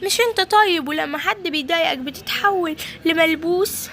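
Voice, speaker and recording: A woman's voice: very high voice, fairly quick, fairly bright tone. Name: Granny. woman voicing a wicked old granny. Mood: coaxing. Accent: Egyptian Arabic. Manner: sing-song, teasing, addresses viewers directly. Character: wicked old granny villain, scheming but claiming kindness. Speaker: gaming YouTuber. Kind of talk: playful game role-play narration.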